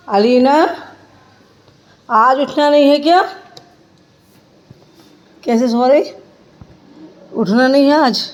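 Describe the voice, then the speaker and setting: A woman's voice: mid-range voice, a little mellow, a little hiss or hum, low-quality recording. A middle-aged woman, chatting casually to her vlog viewers and often thanking God. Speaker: vlogger. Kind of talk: casual vlog chat to camera.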